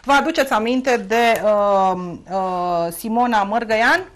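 A man hosting a political talk show who moderates in a measured way, prompting his guest and often pausing with hesitations. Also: high voice, a crowd in the background.

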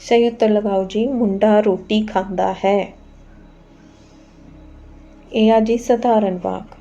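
A woman's voice: medium pitch, steady tone, slow pace, warm tone, highs cut off, soft background music. A woman, teaching an exam quiz lesson, reading out each question and its options and then giving the answer politely and patiently.

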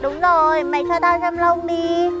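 Brief: woman playing a bossy, cheeky young village girl, bright and high. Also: flat delivery, normal speed, loud music behind the voice. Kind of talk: comedy sketch acting.

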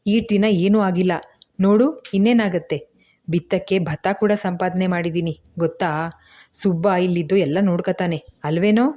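A woman's voice: lowish voice, normal speed, warm tone, natural voice. A woman voicing Karna, an eager village son. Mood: earnest. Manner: rustic village dialect, eager questions. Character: young village man, eager devoted son.

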